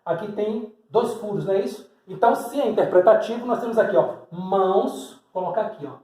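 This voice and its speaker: Man, high voice, teaching preacher who points at a board and asks rhetorical questions, roomy echo. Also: a little fast, warm tone. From Salvador, Bahia, Brazil. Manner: explains step by step, points at drawings, rhetorical questions. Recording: echoey room.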